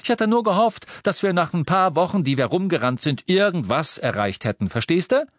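A man reading the part of a young man who is sulky and bitter, rising to shouts. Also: medium pitch, expressive, moderate pace, dry recording, voice pushed up, close to an everyday voice.

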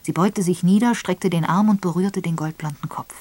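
A woman reading a crime novel aloud in calm scripted narration. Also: on the low side, normal speed, dry recording. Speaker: audiobook reader.

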